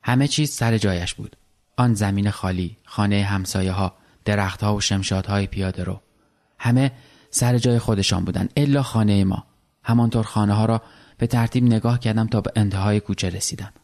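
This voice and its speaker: A man calmly reading a literary short story aloud in the first person. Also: fairly low pitch.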